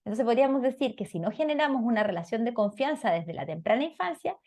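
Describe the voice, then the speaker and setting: Her voice sits on the high side, expressive and a little mellow, and she talks fast. This Chilean-accented woman gives an explanatory parenting lecture with a didactic style, frequently checking in through brief questions.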